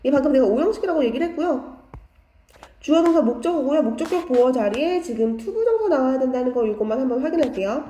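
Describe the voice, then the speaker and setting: A woman teaches English grammar in a fairly high, mellow voice. She goes slowly and patiently, restating each phrase in simpler words. The room gives her voice a noticeable echo. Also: lively intonation, a little hiss or hum. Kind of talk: online grammar lecture.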